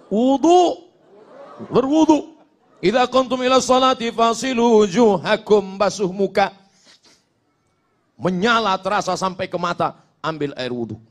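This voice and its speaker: With a very high voice, this middle-aged preacher from Indonesia keeps his Islamic sermon humorous. He spins comic stories, plays out brief dialogues, and recites Arabic verses in a chant.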